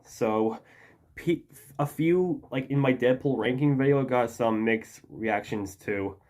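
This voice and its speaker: A young man in his early twenties hosts his YouTube video casually, with a youthful, medium-pitched, slightly mellow voice. He talks slowly and makes chatty, apologetic asides.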